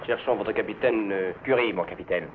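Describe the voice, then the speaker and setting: A composed army captain played by a male actor in a war film, speaking in a fairly low voice with courteous authority. The sound is tinny and narrow, with faint noise behind it. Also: fairly quick, close to an everyday voice. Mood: calm, commanding.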